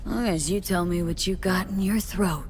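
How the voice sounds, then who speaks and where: A woman's voice: lowish voice, steady tone, normal speed, darkish tone, a little hiss or hum. A woman playing a wry, sardonic mercenary in a video game, her voice layered with a digital ghost's second voice. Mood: dry, probing. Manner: dry, sardonic. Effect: two layered voices, digital ghost over woman's voice.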